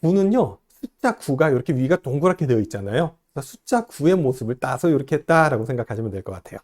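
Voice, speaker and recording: A man's voice: mid-range voice, big pitch swings, quick pace, darkish tone. A man giving a video lecture, explaining things step by step and asking the viewer questions.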